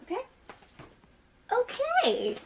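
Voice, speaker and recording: Background noise accompanies a sewing vlogger whose very high voice swings widely in pitch and stretches out her words. She chats informally through a craft tutorial, swearing mildly and narrating in voice-over at times.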